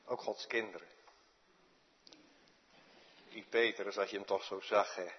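A man preaching a sermon in a church, slow and dramatic, with sudden hushed drops. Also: fairly low pitch, fairly even intonation, dull audio. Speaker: pastor.

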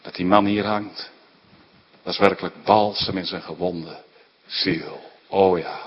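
A man preaching a sermon, emphatic, dropping into hushed near-whispers and rising into fervent appeals, with many tag questions and restarts. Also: deep voice, fairly even intonation, unhurried, slightly rough. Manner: frequent "hè" tags and stumbling restarts. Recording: dull lo-fi sound with long hall reverb.

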